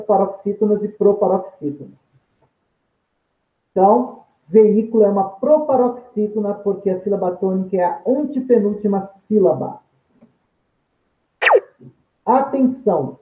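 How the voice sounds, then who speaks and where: A man, a grammar teacher giving a video lecture, explaining step by step and answering his own questions. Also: high voice. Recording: tinny phone-like sound in an echoey room.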